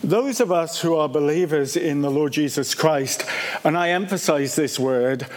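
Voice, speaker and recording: A man preaching a sermon at a baptism service, emphatic and deliberate, repeating key phrases and asking rhetorical questions. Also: fairly high pitch, a little mellow.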